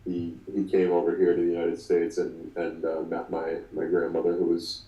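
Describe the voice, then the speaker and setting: A man's voice: low voice, completely flat delivery, roomy sound, far from the mic, dull audio. A man in his twenties talking through an interview as the guest, often restarting and filling with ums. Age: 20s. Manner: halting, many restarts and fillers. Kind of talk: casual interview.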